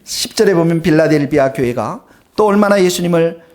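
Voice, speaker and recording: A male pastor preaches emphatically, often turning to address the congregation and weaving in personal anecdotes told in a plain, conversational way. His voice is on the high side, brisk, and a little mellow.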